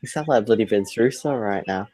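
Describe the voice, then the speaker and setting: A man's voice: on the low side, fairly quick, warm tone. A man co-hosting a live reaction stream in casual chat, laughing often and teasing his friend.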